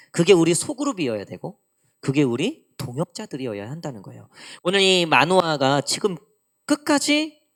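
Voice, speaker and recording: A woman pastor preaching a midweek church sermon in an animated way, acting out quoted lines. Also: sits low. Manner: animated preaching, acts out God's teasing lines. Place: church sanctuary.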